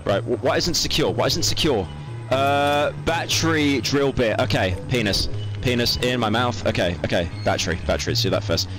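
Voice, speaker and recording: Panicky young streamer, game music behind. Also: male voice, medium pitch, moderate pace. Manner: panicky, swearing, repeating words under stress. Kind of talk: live gameplay commentary.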